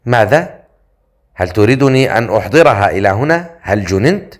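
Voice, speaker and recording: A man voicing a stern, confident male leader in an audiobook story, with a dry, measured delivery. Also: lowish voice, lively intonation, lightly acted. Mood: teasing. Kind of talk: audiobook character voice.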